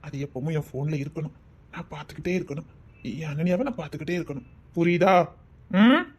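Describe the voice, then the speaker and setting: An actor voices a scheming young man from a Tamil web drama, speaking in a Tirunelveli accent. He wheedles and presses, always circling back to make sure he is understood. His tone is hushed and close, barely above a murmur. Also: on the high side, animated, a little fast, husky. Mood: sweet-talking. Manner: coaxing, insistent, keeps asking 'understand?'. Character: smooth-talking young man, manipulative, greedy blackmailer. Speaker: scheming boyfriend on a phone call.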